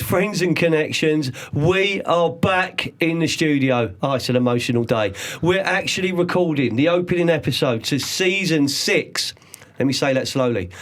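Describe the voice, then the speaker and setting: A man in his forties, hosting a podcast in a studio with casual, upbeat showmanship and slow, drawn-out emphasis. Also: a little high. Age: 40s. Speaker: podcast host.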